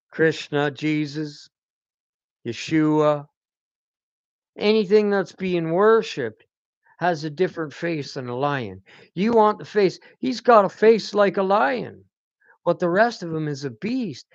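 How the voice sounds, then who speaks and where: A self-styled teacher who hosts a channel rambles through a spiritual monologue, repeatedly prompting listeners with "hmm?" He has a fairly high voice with vocal fry, and the recording is dry, dull and lo-fi with no echo.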